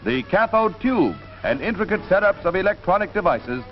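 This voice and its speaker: A man's voice: high-pitched, sing-song, moderate pace, dull audio, faint music behind. A man narrating an old wartime newsreel in a dramatic announcer style, played from an archive recording.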